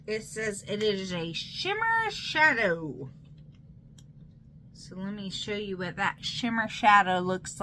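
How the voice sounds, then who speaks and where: Tipsy lady doing a casual unboxing, slow n rambly, bit of background noise. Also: mid-range voice, sharp tone. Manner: tipsy, loose and rambling with playful repeats. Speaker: makeup unboxing vlogger. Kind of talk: casual rambling product show-and-tell.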